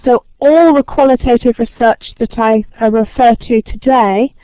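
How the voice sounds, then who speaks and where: A woman who talks quickly, with frequent ums, presents a lecture-style webinar and welcomes a large online audience. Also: fairly high pitch, no echo. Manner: fast-talking, friendly, many ums. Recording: tinny phone-line sound, dry.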